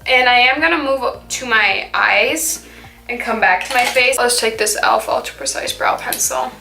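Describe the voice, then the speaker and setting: A woman's voice: on the high side, normal speed, creaky, sharp tone. A teenage girl chatting casually through a makeup routine as a beauty vlogger, saying "like" often and trailing off mid-thought. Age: teens. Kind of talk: casual makeup tutorial chat. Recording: echoey room with faint music.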